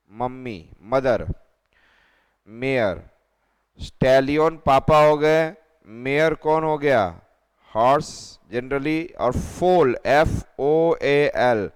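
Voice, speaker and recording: Man spelling out words slowly. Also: mid-range voice, smooth, long reverb tail. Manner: slow letter-by-letter spelling, repeating words. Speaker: teacher. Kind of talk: spelling lesson for children.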